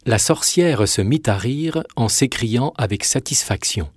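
A man narrating a fairy tale in a measured, expressive reading. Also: medium pitch, heavy background noise. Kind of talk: storybook narration.

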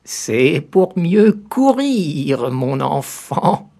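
A man voicing a wolf who fakes a sweet old grandmother's voice in a fairy tale, in a drawn-out syrupy falsetto. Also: sing-song, vocal fry, warm tone, full character voice. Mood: sugary.

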